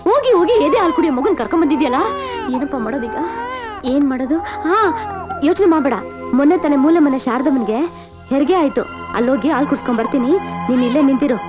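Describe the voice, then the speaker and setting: A sharp-tongued, bossy neighbor. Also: female voice, high voice, animated. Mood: scolding. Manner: scolding, quick and lecturing. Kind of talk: film dialogue. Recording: muffled movie audio with music.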